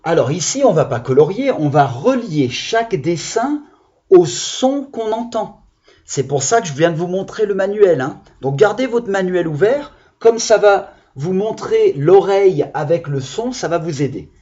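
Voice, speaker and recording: Male primary teacher, lively pitch, slow patient delivery, dull lo-fi sound. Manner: slow, patient, spells out syllables. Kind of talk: remote lesson for young children.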